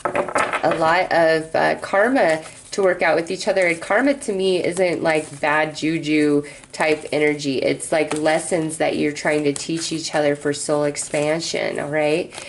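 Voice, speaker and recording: A woman's voice: sits low, steady tone, a little slow, a little hiss or hum, low-quality recording. Woman giving a chatty mystical horoscope reading. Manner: chatty, reassuring, addresses listener directly. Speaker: astrology tarot reader, host.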